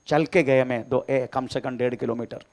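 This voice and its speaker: A male pastor preaching a sermon, dropping to low murmurs and rising to high shouted declarations, often saying "praise the Lord". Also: steady tone, moderate pace.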